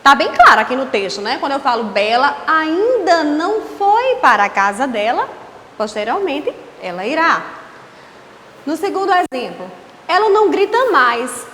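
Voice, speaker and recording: High lively Brazilian woman teaching. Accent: Brazilian Portuguese. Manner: explains slowly with frequent rhetorical questions. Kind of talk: online class lesson. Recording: echoey room with faint hiss.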